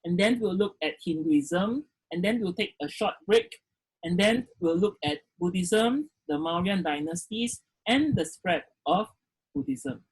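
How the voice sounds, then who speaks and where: Over a video call, a man delivers a class lecture, frequently saying "okay" and asking his students questions directly. He sounds animated and unhurried, with a high, slightly rough voice and rough recording quality.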